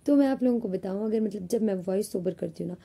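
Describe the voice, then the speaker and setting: Husky-voiced young woman vlogging. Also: medium pitch, fast talker, warm tone. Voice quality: husky, slightly rough voice. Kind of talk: casual vlog chat.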